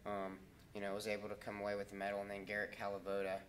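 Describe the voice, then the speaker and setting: A man in his thirties, a head wrestling coach, answering interview questions in a halting way with many ums and restarts, standing in a school wrestling room. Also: on the low side, completely flat delivery, slight background noise.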